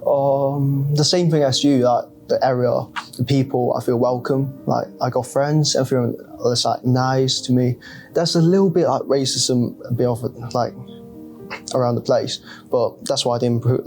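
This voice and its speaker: A man's voice: mid-range voice, a little mellow, low-quality recording. Laid-back young man from Hong Kong. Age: young adult. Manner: laid-back, simple phrasing, short reactions. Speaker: student discussion participant. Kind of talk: casual debate chat.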